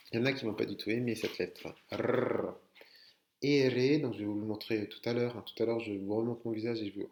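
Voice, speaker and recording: A French man teaching Spanish pronunciation letter by letter, slowly repeating words for his students to say back. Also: lowish voice, reverberant. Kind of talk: online language lesson.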